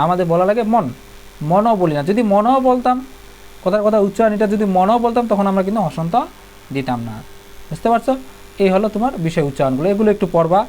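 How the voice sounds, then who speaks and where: A man's voice: high-pitched, a little mellow, slight background noise. A young man teaching an exam-prep video lesson, explaining step by step, repeating himself and talking to students informally. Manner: addresses students informally, colloquial.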